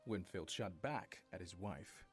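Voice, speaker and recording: Low-voiced man narrating a drama story. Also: lively intonation, measured pace, faint music behind.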